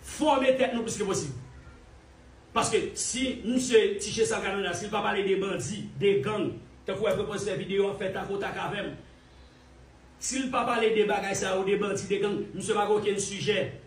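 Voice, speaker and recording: A man from Haiti delivers a heated, scornful online commentary, mocking his target and hammering the same points over and over. His voice sits high. It comes through a roomy, echoey space with him set back from the microphone. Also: steady tone, a little fast, a little hiss or hum. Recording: roomy echo, distant from mic.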